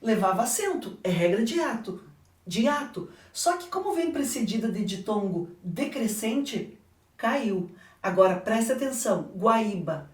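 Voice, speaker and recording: A woman with a Brazilian Portuguese accent leads a grammar lesson at a middle pitch. She quizzes the class and answers her own questions. Her voice carries from some way off the mic, with a noticeable room echo. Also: very animated, unhurried, a little mellow. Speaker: teacher. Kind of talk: exam correction lesson. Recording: echoey room, voice from a distance.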